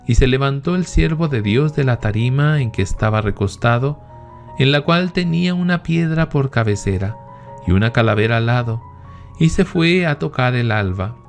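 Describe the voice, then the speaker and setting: A man reading old testimonies in a solemn, measured scripted narration. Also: medium pitch, lively intonation. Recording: faint music bed behind voice.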